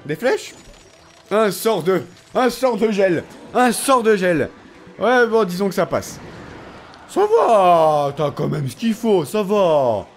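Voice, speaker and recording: Animated young man with a sore throat. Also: high voice, takes it slowly. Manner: animated, teasing, talks to his opponent. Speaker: gaming video creator. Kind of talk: casual live game commentary. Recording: faint music underneath.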